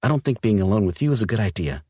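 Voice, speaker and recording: A man's voice: on the low side, sing-song, rapid-fire, warm tone, husky, no room sound, voice pushed up. A man voicing a fiery, hurt young woman. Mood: defiant. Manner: emotional, pleading, shaky. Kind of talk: audiobook character voice.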